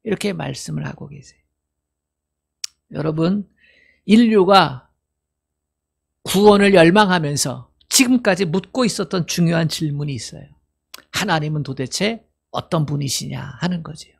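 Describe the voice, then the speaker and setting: Gravelly Korean pastor preaching. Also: male voice, a little high. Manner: asks the congregation questions and answers them; acts out quoted dialogue in a slowed voice. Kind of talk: sermon.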